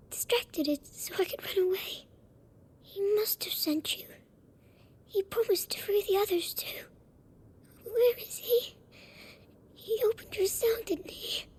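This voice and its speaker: Casting: terrified little girl survivor in a video game, very high, slow, tremulous, pleading, slight noise behind. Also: mellow. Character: frightened, pleading young girl, a survivor captive.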